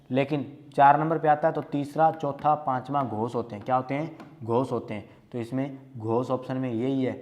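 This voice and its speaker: A man's voice: medium pitch, darkish tone. A young man teaching a grammar lesson, going through quiz questions and repeating each question before answering it himself. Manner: asks questions and answers them himself, repeating key terms.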